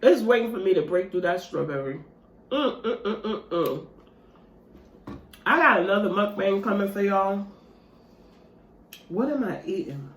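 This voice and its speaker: A woman's voice: medium pitch, lively intonation, normal speed, a little hiss or hum. A woman vlogger, chatting casually and animatedly to her viewers while eating dessert at home. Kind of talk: casual mukbang chat to viewers. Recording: echoey room.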